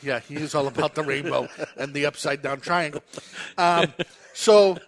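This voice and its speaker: A man's voice: fairly high pitch, little pitch movement, a little fast, a bit bright. A man hosting a casual radio chat show, arguing his point emphatically and teasing his co-host.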